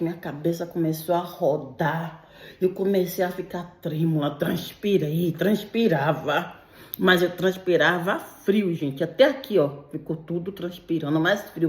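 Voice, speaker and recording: A woman's voice: lowish voice, darkish tone. A woman and interpreter telling her own true paranormal story in an emotional, confiding way, speaking straight to her listeners. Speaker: legal and medical interpreter. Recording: roomy echo.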